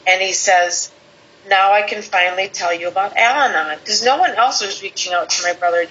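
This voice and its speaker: A woman guest telling a personal story in conversation, animated, quoting people in lively voices. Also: mid-range voice, a little fast. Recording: slightly dull lo-fi audio with faint background hiss.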